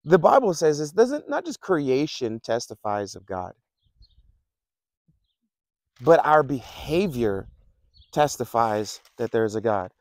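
A man's voice: medium pitch, sing-song, takes it slowly, long pauses, a little mellow, no room sound, clean studio sound. A man preaching a casual, conversational sermon, often repeating himself and chuckling between points. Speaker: pastor.

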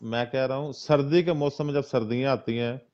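A man asks a veterinarian questions over a crackly phone line that drops out, pausing often to find his words. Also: mid-range voice, steady tone, darkish tone. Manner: halting, searching for words. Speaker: interviewer asking a veterinarian questions. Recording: muffled noisy phone call.

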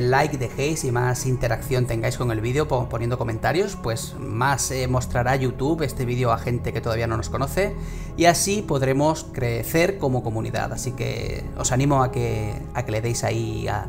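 A man with a Spain Spanish accent, hosting a gaming channel and reading a monthly news report in a steady way with casual fillers. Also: medium pitch, creaky. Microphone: home studio microphone. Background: background music.

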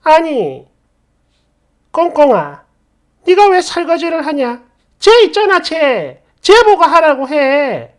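A woman voicing a domineering older mother-in-law who scolds and yells. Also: high voice, big pitch swings, slow pace, long pauses, pitched above the performer's own voice, full character voice. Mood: berating. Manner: scolding, yelling.

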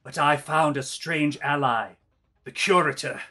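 A man voicing a bitter, scornful half-elf villain with slow theatrical menace in a tabletop game. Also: a little high, bright, forceful tone.

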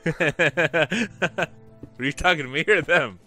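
A young man hosting casual gameplay commentary, joking and laughing often, with excitable bursts. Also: a little high, slow, soft background music. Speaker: gaming channel host.

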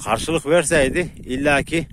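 A man casually talking to viewers while herding sheep with his dogs outdoors, laughing often and calmly calming the dogs. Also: a little high, unhurried. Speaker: shepherd vlogger. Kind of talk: casual outdoor vlog narration. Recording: outdoor noise, wind and animals.

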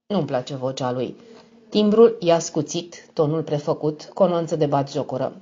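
A woman narrating a crime novel audiobook in a measured, expressive reading. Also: sits low, breathy edge. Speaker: audiobook reader. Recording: dull lo-fi recording.

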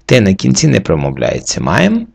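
A man's voice: deep voice, wildly swooping pitch, creaky, a little mellow, husky, dry recording. A man teaching a recorded lesson, methodically walking through the reading rules letter by letter. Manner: methodical, slowly walks through each letter rule. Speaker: French teacher.

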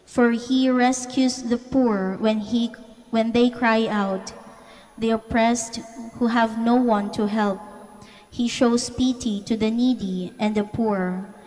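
A woman serving as lector at Mass, reading scripture and psalms solemnly with deliberate, formal phrasing in a reverberant church. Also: a little high, fairly even intonation, a little mellow. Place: large church interior. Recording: long reverberant church echo.

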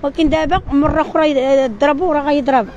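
A woman with a Moroccan accent giving a street interview, talking in an agitated rush full of halting restarts. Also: high voice, darkish tone, lo-fi sound, a little hiss or hum. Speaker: interviewee, tissue seller. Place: outdoors on a city street.

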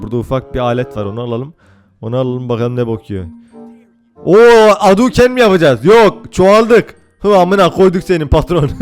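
A young man giving casual, excitable gameplay commentary, swearing and laughing often. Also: mid-range voice. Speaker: gaming YouTuber.

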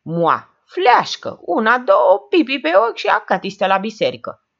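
A woman's voice: on the high side, huge pitch swings, vocal fry, pitched above the performer's own voice, full character voice. A woman voicing a cynical man who talks in a mocking, sarcastic way, in a dull lo-fi recording.

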